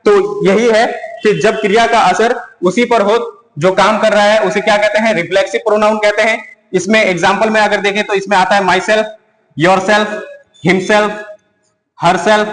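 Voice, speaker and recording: High-pitched male teacher in echoey room. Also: fairly bright tone. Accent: Hindi. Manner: repetitive, asks and answers own questions. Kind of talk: grammar lesson.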